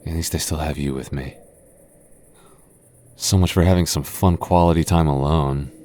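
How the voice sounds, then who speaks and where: Voicing the jumpy but protective goth boyfriend in an audio drama roleplay, the young man speaks in a rumbling low, mellow voice, steady in tone and at normal speed. He stammers, hesitates and sighs, coming across nervous and reluctant.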